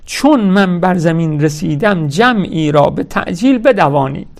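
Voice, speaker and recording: A man's voice: sits high, lively intonation, vocal fry. A man giving a religious lecture. He reads lines from a historical text, then explains them in everyday speech and tells his listeners what to note. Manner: addresses listeners directly, stressing key words.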